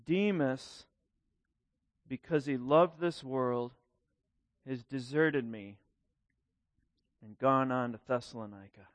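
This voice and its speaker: A man's voice: mid-range voice, slow pace, long pauses, dry recording. A male pastor preaching a conversational sermon in a folksy way, often repeating words and acting out quoted lines.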